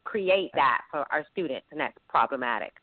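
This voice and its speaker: With a bass voice, lively intonation and a moderate pace, a woman speaks over a tinny phone line with no echo. The educator and writer, from the United Kingdom and raised in Florida, is a guest in a call-in radio interview, talking earnestly and outspokenly while often restarting her sentences.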